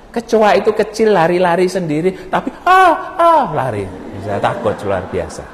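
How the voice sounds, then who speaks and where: A male pastor preaching a sermon, telling lively stories with jokes and questions to the congregation. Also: fairly high pitch. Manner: animated storytelling with jokes and rhetorical questions. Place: church sanctuary. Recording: echoey church hall.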